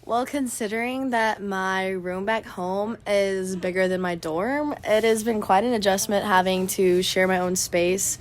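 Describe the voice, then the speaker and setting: A woman's voice: mid-range voice, measured pace, hardly any pauses. A young college woman answering interview questions in a composed, articulate way. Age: young adult.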